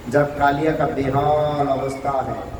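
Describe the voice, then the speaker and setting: A male monk preacher telling a devotional story slowly, repeating points and questioning his listeners. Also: mid-range voice, flat delivery, noisy background. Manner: slow, repetitive, questioning the audience. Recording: echoey hall from far off.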